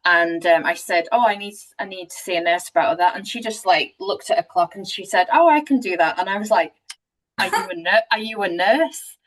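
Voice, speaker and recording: British woman, call host, lowish pitch, off-mic and laughing through stories. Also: normal speed, fairly bright tone, far from the mic, poor audio. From United Kingdom. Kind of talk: casual group video call.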